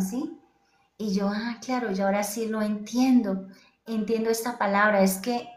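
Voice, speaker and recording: A woman preacher, delivering a sermon emphatically, repeating key phrases and answering her own rhetorical questions. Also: a little high. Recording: echoey room with faint music.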